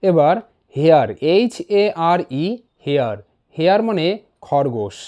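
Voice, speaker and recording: A man teaching an English pronunciation lesson in a voice-over, spelling each word letter by letter and repeating it slowly. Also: fairly high pitch, big pitch swings, mellow, highs cut off.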